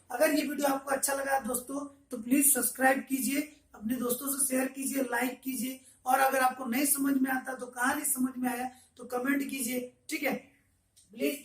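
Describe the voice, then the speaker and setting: Guy teaching online, high voice, repeats phrases slow, echoey room w mic kinda far off. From Jharkhand, India. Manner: repeats example phrases slowly for pronunciation. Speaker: language teacher. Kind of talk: online lesson.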